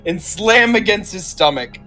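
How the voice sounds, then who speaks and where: Tabletop player, bright and crisp tone, playful, narrates their character's moves. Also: medium pitch, lively intonation, a little slow, faint music behind. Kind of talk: casual tabletop role-play.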